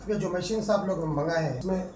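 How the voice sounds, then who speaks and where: Brief: male reporter, high fast voice, off-mic in an echoey shop, faint noise. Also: a little mellow. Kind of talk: interview questions.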